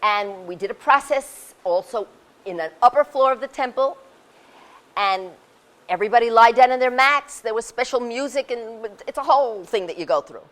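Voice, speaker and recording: A woman in her sixties telling her story in a casual, animated way, laughing often and acting out what people said. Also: a little high, moderate pace. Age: 60s. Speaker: speaker sharing her experience. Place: community center hall.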